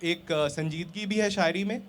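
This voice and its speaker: A man's voice: high voice, normal speed, a little hiss or hum. A man in a festival audience offering a polite comment, hesitant and full of fillers. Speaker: audience member.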